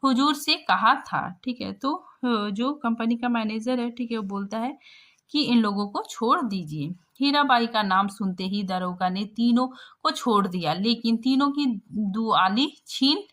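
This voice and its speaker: A woman teaching a story line by line, reading passages aloud and then explaining them slowly, with many filler checks. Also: a little high, a bit bright. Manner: slow reading with frequent "ठीक है" fillers.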